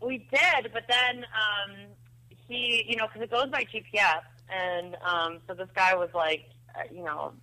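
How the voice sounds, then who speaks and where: A woman's voice: medium pitch, fairly even intonation, unhurried, bright, forceful tone. A woman calling in by phone, telling a story casually with lots of fillers and laughs. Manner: laughing, chatty, full of fillers. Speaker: guest on the phone. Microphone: telephone. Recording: thin phone line.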